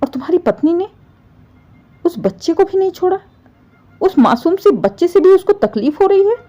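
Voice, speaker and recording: A woman's voice: big pitch swings, normal speed, highs cut off. A woman voicing an older, domineering mother-in-law who scolds indignantly and complains tearfully. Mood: tearful complaining. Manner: shrill, scolding, rises sharply.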